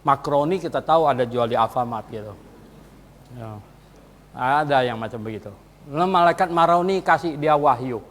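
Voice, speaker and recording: A man preaching a lively sermon as pastor, asking the congregation rhetorical questions and mocking the claims he retells. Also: mid-range voice, normal speed. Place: church hall. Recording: long church reverb.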